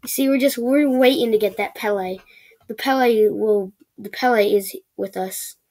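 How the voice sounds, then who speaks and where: A woman giving excitable, chatty commentary while opening packs in a video game, often stammering. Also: mid-range voice, moderate pace. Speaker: gaming video creator. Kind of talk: casual gaming commentary.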